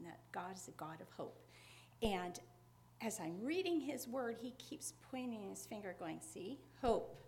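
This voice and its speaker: A woman, a pastor's wife, speaking earnestly and conversationally to her congregation in an informal sermon mixed with personal testimony, often pausing on fillers and soft laughs. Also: mid-range voice, creaky, slight background noise.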